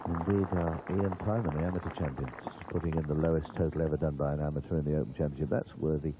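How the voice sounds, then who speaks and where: A man's voice: very deep voice, fairly even intonation, fast talker, music in the background. A male golf commentator giving conversational live commentary, rambling along with humorous asides. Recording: noisy old TV broadcast audio.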